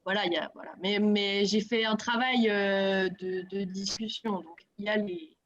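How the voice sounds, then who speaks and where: A young adult woman giving casual personal testimony in an online discussion, in a halting conversational way. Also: mid-range voice, fairly even intonation, dull audio.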